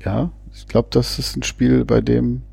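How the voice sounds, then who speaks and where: A man with a deeply gravelly, dark voice talks through a football match in a relaxed, chatty way. He hesitates and restarts often. His voice sits husky and close in a dry room. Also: a little slow, dry recording. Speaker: fan co-commentator. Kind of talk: casual football commentary.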